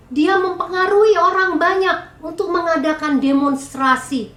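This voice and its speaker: A woman church elder from Indonesia preaching a sermon to a women's fellowship, telling the story slowly and rising in emphasis on key words. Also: high voice, a bit bright, reverberant.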